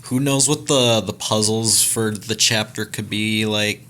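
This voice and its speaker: A man's voice: on the low side, fairly even intonation, measured pace, bright, forceful tone. A young man hosting a gaming channel, giving a casual, rambling trailer breakdown with many fillers, restarts and casual swearing.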